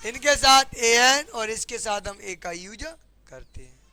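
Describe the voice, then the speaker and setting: A man's voice: extremely high pitch, measured pace, pushed and bright, clear, resonant tone, no echo, soft background music. A man with a Hindi accent teaching English grammar in a classroom lesson, often repeating questions to his students.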